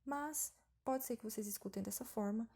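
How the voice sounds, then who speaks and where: Brazilian woman teacher, casual lesson delivery, gravelly low-key timbre, chatty and patient. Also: normal speed, warm tone. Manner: chatty, explains patiently with frequent tag questions. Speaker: English teacher. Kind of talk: casual online English lesson.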